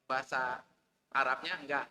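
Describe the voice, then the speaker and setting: A man's voice: mid-range voice, fairly even intonation, normal speed, pushed and bright, long reverb tail. A man with an Indonesian accent, a student politely asking his teacher questions in class. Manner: polite, inquisitive.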